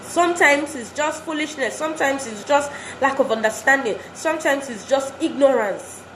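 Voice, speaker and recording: This is a high-pitched, slightly bright female voice at a moderate pace, giving wives an earnest pep talk full of exhortation and repeated phrases for emphasis. Faint background noise and a roomy echo are audible.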